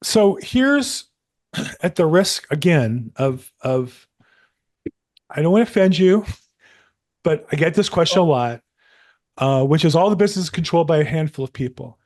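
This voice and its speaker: A man with a fairly high voice coaches real estate agents on a group video call. He talks in an animated, encouraging way, dropping in self-deprecating jokes. The sound is that of a call microphone. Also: moderate pace, long pauses. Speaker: probate coach hosting a live call.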